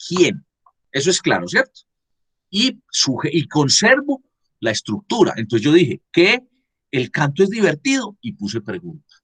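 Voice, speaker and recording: Husky man teaching an online class. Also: a little high. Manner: repeats and asks "¿sí?" to check understanding. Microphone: video call.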